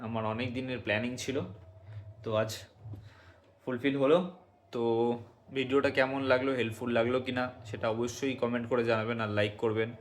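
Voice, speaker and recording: A motovlogger and product reviewer whose first language is Bengali gives a casual hands-on tutorial, speaking straight to viewers and explaining step by step. His mid-range voice is flat and a little fast, broken by long pauses.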